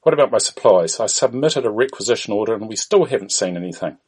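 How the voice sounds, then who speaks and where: A man's voice: on the low side, animated, quick pace, darkish tone, breathy edge. A man voicing an exasperated, impatient starship captain in a comedy parody, with emphatic delivery.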